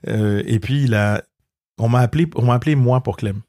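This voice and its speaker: A man's voice: medium pitch, a little fast, mellow, no room sound, clean studio sound. A middle-aged man with a Québécois accent, a comedian guest telling stories in a casual interview, acting out quoted dialogue with many restarts. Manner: storytelling, acts out quoted dialogue; frequent restarts and repeated words.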